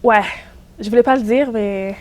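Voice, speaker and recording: Relaxed Quebec French woman guest. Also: fairly high pitch, moderate pace, a crowd in the background. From Congo (Kinshasa), raised in Montreal. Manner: relaxed storytelling with many fillers and English phrases. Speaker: guest photographer. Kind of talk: casual interview chat.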